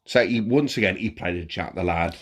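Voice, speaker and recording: A man's voice: low-pitched, a little fast, fairly bright tone. A man co-hosting a podcast in casual chat, joking and teasing as he talks. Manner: jokey, teasing, laughs often. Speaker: podcast co-host.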